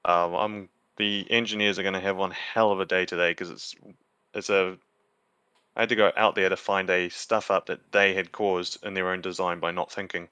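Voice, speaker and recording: A man's voice: sits low, level tone, normal speed, pushed and bright, smooth, no echo. A man presenting on a podcast in casual, loosely phrased explanatory chat.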